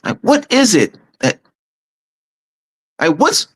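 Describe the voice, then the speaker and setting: Host, male, Camden accent, halting reflective storyteller with a lively, slightly high voice. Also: husky, rough recording. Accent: Camden, New Jersey. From Camden, New Jersey. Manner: halting, repeats words, searching aloud.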